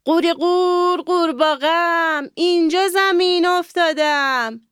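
A woman voicing a small, eager, cheerful pond frog who croaks in a sing-song chant. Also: extremely high pitch, fairly bright tone, no echo, clean studio sound, pitched above the performer's own voice. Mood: cheerful croaking.

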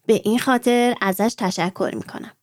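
A woman storyteller voicing a calm, kind mother who sews clothes, speaking gently and patiently. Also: medium pitch, no room sound, clean studio sound, lightly acted. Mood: gentle.

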